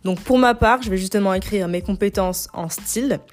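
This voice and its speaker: With faint music playing behind her, this young woman from Algeria speaks at a normal speed and medium pitch. She hosts a laid-back self-help podcast and works as an image consultant, chatting loosely in young people's slang mixed with borrowed English words.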